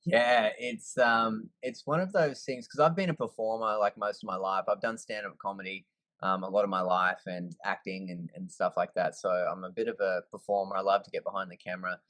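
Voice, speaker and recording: An Australian man being interviewed, telling stories in a relaxed, easygoing way with plenty of fillers. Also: low voice, fairly quick, dry recording, low-quality recording. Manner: laid-back, easygoing, lots of fillers. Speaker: guest. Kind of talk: casual storytelling.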